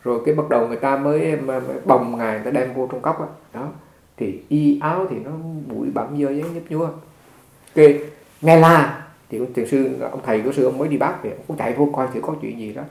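In an echoey room, a male Buddhist monk speaks quickly at medium pitch with some vocal fry. His dharma talk is conversational, full of stories and repeated words, and he becomes animated when retelling them.

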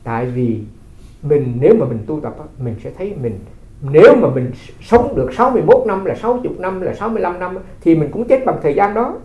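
A Buddhist monk giving a dharma talk, telling stories and asking rhetorical questions. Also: male voice, high-pitched, big pitch swings, brisk. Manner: conversational storytelling with rhetorical questions. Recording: roomy, slightly dull recording.

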